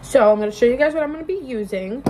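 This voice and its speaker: Racing along in a fairly high, expressive voice, a woman vlogger does a casual get-ready-with-me chat to her phone camera. She's informal and rambling, often interrupting herself. The phone is set at arm's length in a small bedroom-like room, and the recording is noisy.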